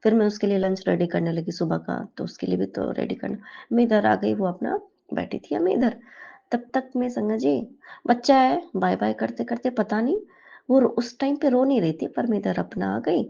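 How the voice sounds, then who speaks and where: A woman's voice: fairly high pitch, normal speed, gravelly. A woman giving a prayerful devotional talk, sharing a blessing with her congregation in an earnest storytelling manner and often speaking directly to her guru. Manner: earnest storytelling with gentle hesitations. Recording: dull lo-fi audio.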